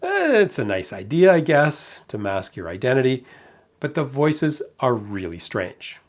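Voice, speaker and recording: A man's voice: medium pitch, huge pitch swings, measured pace. Man narrating a gadget review. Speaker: product reviewer.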